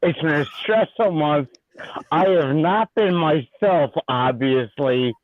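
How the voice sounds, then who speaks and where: A tipsy man calling in to a casual chat, loud, profane and rambling, with a gruff, pirate-like sound. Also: a little high, takes it slowly, no room sound. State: tipsy from drinking. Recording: tinny phone-like call audio.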